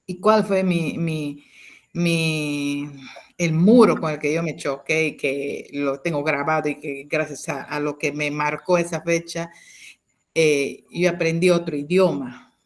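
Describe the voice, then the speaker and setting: A woman's voice: sits low, steady tone, unhurried. Woman, 50s, teacher, storytelling, hesitant restarts, video call. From Peru. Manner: storytelling, frequent hesitations and tag questions. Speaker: teacher sharing a testimony. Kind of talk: personal anecdote in an online class.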